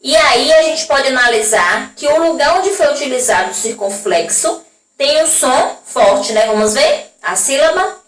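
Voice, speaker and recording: A woman's voice: high-pitched, lively intonation, fairly bright tone. Brazilian woman, primary teacher, patient lesson voice, stretches out words, echoey room, voice from a distance. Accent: Brazilian Portuguese. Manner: slow, drawn-out pronunciation of example words; frequent checking tags to the class. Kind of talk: recorded classroom lesson for young children.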